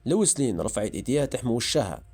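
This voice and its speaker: A man's voice: mid-range voice, sing-song, racing, a little mellow, husky. A man with an Egyptian Arabic accent, retelling a comic book story as scripted narration.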